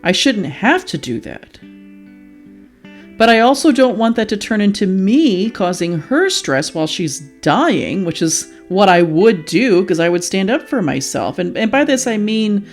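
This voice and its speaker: Woman, personal vlog storytelling, emotional and reflective, gravelly fry in the voice. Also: mid-range voice, sing-song, measured pace. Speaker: YouTuber sharing personal experience. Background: faint guitar music.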